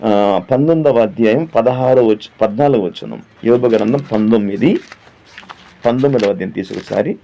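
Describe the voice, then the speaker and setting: A man's voice: on the low side, moderate pace, vocal fry, mellow. A man pastor preaching a sermon who asks the listeners questions, repeats his phrases and sings hymn lines. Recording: dull lo-fi audio with faint background.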